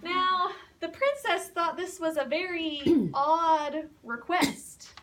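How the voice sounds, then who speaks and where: A woman teaching English, retelling a fairy tale slowly and patiently, repeating and explaining words as she goes. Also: extremely high pitch, expressive, fairly bright tone. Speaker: English teacher telling a story. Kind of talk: slow story retelling with word explanations. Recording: distant mic with faint hiss.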